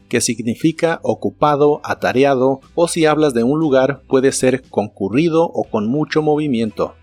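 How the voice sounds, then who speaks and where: A man narrating a scripted English lesson in Spanish, slowly modeling each English word's pronunciation. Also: mid-range voice, darkish tone, slightly rough. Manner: slow, careful model pronunciation of English words. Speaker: English teacher.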